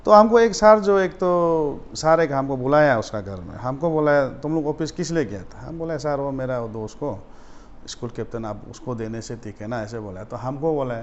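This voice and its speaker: A man from Arunachal Pradesh, a student leader telling stories from his school days in a casual interview, getting animated and loud as he retells his run-ins. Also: mid-range voice, moderate pace, a little hiss or hum. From Arunachal Pradesh, India. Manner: animated, rises sharply when retelling confrontations. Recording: slightly dull lo-fi audio.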